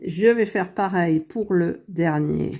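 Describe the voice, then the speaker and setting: Slow, mellow-voiced woman crafting aloud. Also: lowish voice. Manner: unhurried, thinking aloud while working, self-correcting. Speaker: crafting vlogger. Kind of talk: casual crafting tutorial. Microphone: phone held very close to the face.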